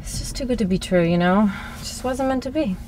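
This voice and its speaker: A woman's voice: fairly high pitch, a little fast, noisy background, natural voice. A woman playing a fretting young woman. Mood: fretful. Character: anxious young woman, fretting over dating.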